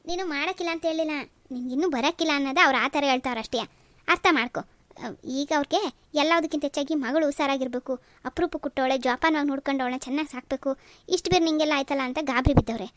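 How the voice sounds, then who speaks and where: A voice artist playing a calm older father who consoles his daughter in a cartoon. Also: high voice, quick pace, dry recording. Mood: soothing. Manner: soothing, reasoning. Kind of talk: cartoon voice acting.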